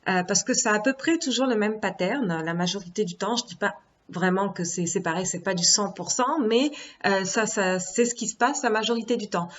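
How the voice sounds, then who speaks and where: Woman teaching trading, lo-fi sound. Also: a little high. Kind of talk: explaining stock charts in a screen-share lesson. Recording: dull lo-fi recording.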